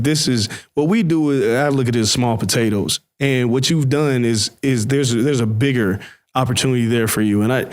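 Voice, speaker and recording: Animated, swearing male podcast co-host. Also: medium pitch. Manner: animated storytelling, swears freely. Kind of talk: casual chat.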